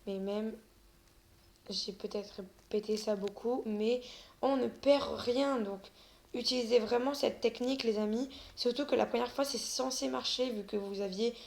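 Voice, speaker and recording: A woman's voice: fairly high pitch, steady tone, normal speed, creaky, a little mellow. A woman giving casual commentary while playing a video game, hesitant and full of fillers, and she stammers often. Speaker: gaming video creator.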